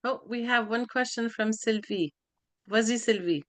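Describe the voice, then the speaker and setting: A woman with a fairly high voice moderates a meeting. She is bilingual and hands over to speakers in short, informal turns. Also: normal speed.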